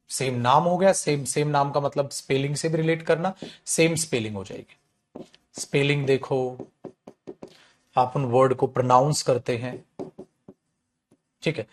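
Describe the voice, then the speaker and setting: A man lectures a class on English words. He speaks in a lively, animated way and repeats key points again and again. His voice sits a little high for a man. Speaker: English teacher.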